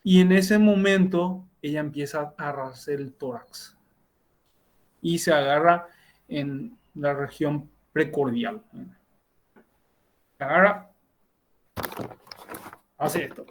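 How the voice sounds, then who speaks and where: A middle-aged man, a doctor teaching a class, tells a clinical case in a halting way with frequent restarts and tag questions, heard over a video call. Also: a little high. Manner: halting, many self-corrections and tag questions. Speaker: university lecturer and doctor. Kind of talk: lecturing with a clinical case story.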